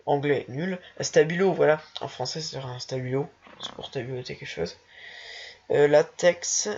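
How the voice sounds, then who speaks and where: A speaker casually walking through a software tutorial while thinking aloud, hesitant and self-mocking. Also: medium pitch, normal speed, creaky. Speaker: tutorial maker. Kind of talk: casual screen-recorded software walkthrough. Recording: dull lo-fi home recording.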